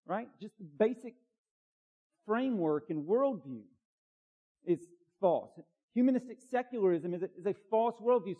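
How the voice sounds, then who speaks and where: A man pastor preaching a Sunday sermon, emphatic and fond of rhetorical questions and repeated words. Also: high voice. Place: church sanctuary. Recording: long church reverb, dull lo-fi sound.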